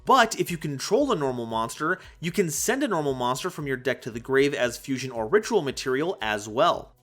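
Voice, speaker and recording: With music playing underneath, a man hosting a card game analysis video runs through a scripted, joke-filled explainer. He speaks briskly in a mid-range voice, keeping things animated, playful and emphatic.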